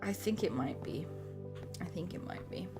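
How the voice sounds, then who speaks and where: Background music runs under a woman's lowish, animated voice as she talks at a moderate pace. A live streamer on a gaming stream, she chats casually with viewers, rambling, repeating herself and swearing without restraint.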